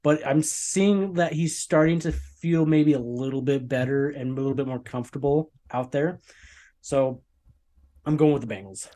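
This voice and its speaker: A man's voice: medium pitch, moderate pace, warm tone. A man co-hosting a casual football prediction chat, laid-back with dry humor and lots of hesitant fillers. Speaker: podcast co-host.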